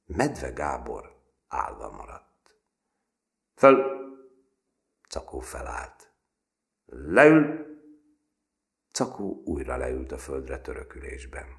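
A man reading a novel aloud as an expressive audiobook narrator. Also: a bass voice, creaky. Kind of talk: scripted narration.

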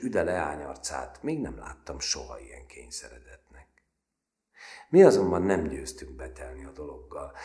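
A male narrator reading a novel aloud, with an extremely deep, low voice. His delivery is measured yet expressive, with a lively melodic line that rises and falls through the sentences.

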